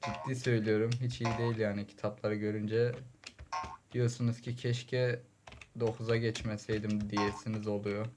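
A man's voice: lowish voice, little pitch movement, normal speed, background noise. A man giving casual gameplay commentary, grumbling and exasperated, with sudden frustrated outbursts. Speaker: gaming channel host.

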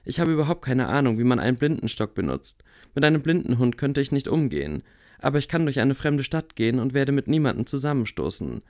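A man reading aloud, voicing a calm, wry blind boy wizard who speaks quietly. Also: mid-range voice, a little fast, close to an everyday voice. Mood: earnest. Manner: quiet, level.

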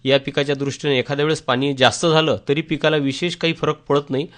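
A man's voice: fairly high pitch, level tone, quick pace, a bit bright. A man hosting a radio interview, asking long, summarising questions of an expert guest. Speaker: radio programme host.

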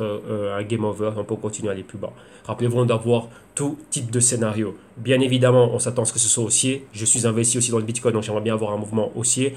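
Male chart analyst, rapid-fire delivery, monotone, lots of rhetorical questions. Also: mid-range voice, a little hiss or hum. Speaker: crypto trading analyst. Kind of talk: screen-share chart analysis.

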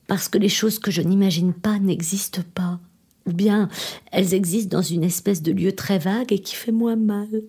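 A woman's voice: on the low side, husky. Actress as a desperate whispering jilted woman. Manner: often drops to a hushed whisper, trembling and pleading. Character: desperate woman pleading on the phone with her departing lover. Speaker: actress reading a stage monologue. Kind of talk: dramatic reading of a theatre monologue.

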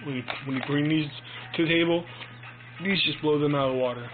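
A young man giving a casual, rambling product review in a phone video, halting and informal, recorded on a handheld phone in a room at home. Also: on the high side, music in the background. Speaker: amateur headphone reviewer. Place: small domestic room, indoors. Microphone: handheld phone mic. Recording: tinny phone recording with clear noise.

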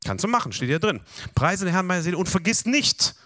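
Preaching with lively energy, a man leads his congregation through a slow, shared recitation of scripture, and his voice sits high.

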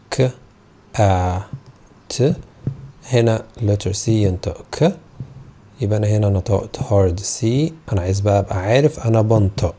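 A man speaking in a lowish, warm voice, with a little hiss or hum in the background, gives an online English phonetics lesson in an Egyptian Arabic accent. He draws out each model word slowly and says it several times over.

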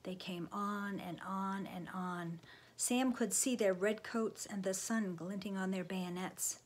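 A woman reading a children's book aloud, expressive, often dropping into a hushed whisper. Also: medium pitch, a little slow. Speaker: storybook reader.

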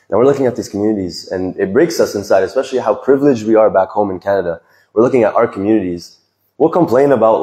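A young man delivers an earnest, heartfelt farewell speech from a stage in a large decorated hall, holding a handheld microphone. His voice is fairly low and mellow, and he sounds reflective, speaking from the heart with small restarts. The recording, made from the audience, is echoey.

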